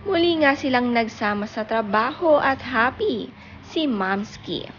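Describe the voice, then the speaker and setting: A woman's voice: on the high side, animated, measured pace, muffled recording, a little hiss or hum. A woman reading a chatty, gushing showbiz gossip narration. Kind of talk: scripted narration.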